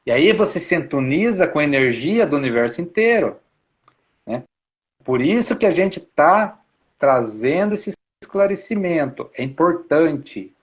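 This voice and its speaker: A man's voice: a little high, big pitch swings, measured pace. A man giving an informal spiritual talk, explaining patiently and repeating himself, with frequent tag questions. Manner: repetitive, explanatory, uses many tag questions. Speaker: spiritual speaker. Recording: dull lo-fi sound.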